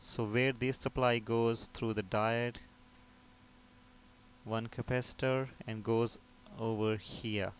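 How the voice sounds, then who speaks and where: Speaking slowly in a level, mid-range voice, a repair technician instructor runs an informal technical tutorial step by step. He explains by asking questions aloud and answering them on his own. The background in the recording is clear.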